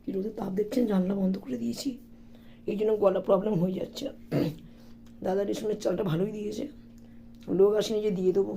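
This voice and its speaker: Woman, middle-aged, hoarse, warm tone, casual home vlog, faint noise. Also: medium pitch, fairly even intonation, a little fast, pauses often. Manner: chatty, complaining, addresses viewers directly. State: hoarse sore throat. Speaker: vlogger. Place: home, indoors.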